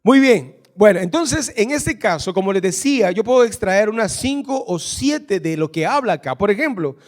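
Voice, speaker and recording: A man with a Guatemalan Spanish accent preaching a sermon as pastor in a church, reading scripture lists slowly and joking with the congregation. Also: high-pitched, expressive. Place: church hall.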